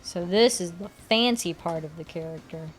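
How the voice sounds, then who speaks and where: A woman's voice: on the low side, moderate pace, faint music behind. Rambling young woman streamer. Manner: rambling, self-correcting, laughs often. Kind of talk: casual chat while drawing.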